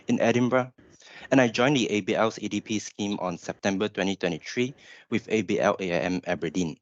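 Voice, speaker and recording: A Malaysian-accented man in his twenties, a graduate engineer, gives an informal, explanatory webinar presentation. His voice is on the low side, and the audio is dull with no echo.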